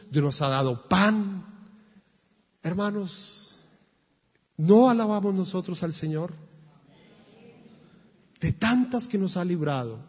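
Slow, husky preacher. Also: male voice, fairly high pitch, darkish tone. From Colombia. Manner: emphatic, repetitive preaching with rhetorical questions. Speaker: pastor. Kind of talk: sermon. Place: church. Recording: long church reverb, dull sound.

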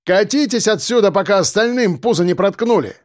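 A man voicing a bold young male survivor who shouts back blunt, defiant answers, in an audiobook. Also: sits high, lively intonation, fairly quick, no room sound, studio quality, voice pushed up. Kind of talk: audiobook character voice.

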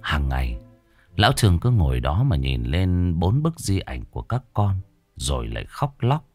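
Guy telling a spooky folk tale, low voice, lots of rise and fall, dry close mic. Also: big pitch swings, a little mellow, soft background music. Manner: slow, dramatic, folksy storytelling. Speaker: storyteller. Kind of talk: spoken horror story narration.

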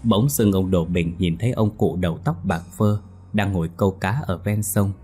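A man's voice: low-pitched, normal speed, mellow, husky. A man narrating a ghost story in a dramatic reading voice. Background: faint music.

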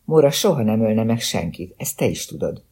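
Sharp-tongued protective woman, done by a guy narrator, curt and confrontational, husky voice. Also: fairly low pitch, very animated. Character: protective, hostile woman companion.

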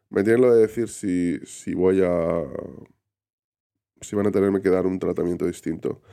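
A man's voice: steady tone, slow, creaky, pauses often, warm tone. A man hosting a casual live stream, unwell, rambling and greeting viewers by name. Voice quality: deep voice. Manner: rambling, reads viewer names aloud, many restarts. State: unwell, recovering from illness. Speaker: livestream host reading chat.

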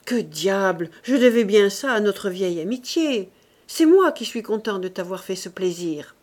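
A woman's voice: medium pitch, moderate pace, natural voice. Woman voicing a busy, emphatic young painter. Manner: lively, emphatic, exclamatory. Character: successful young male painter, flattering, impatient.

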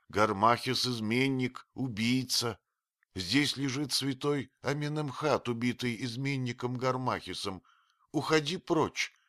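A man reading an audiobook, voicing a very old grieving female servant who wails and scolds in a strained high voice. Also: fairly bright tone, no room sound, clean studio sound, close to an everyday voice. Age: older.

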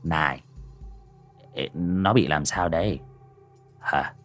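A man voicing a gruff old male jailbird who mutters in puzzlement. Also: rumbling low, slow pace, fairly bright tone, faint music behind, voice pushed down, full character voice. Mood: puzzled.

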